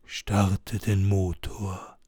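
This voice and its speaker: A man voicing the sad, gentle ghost of an old man, who pleads slowly and low. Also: monotone, breathy edge, no room sound, clean studio sound, heavily acted. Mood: mournful.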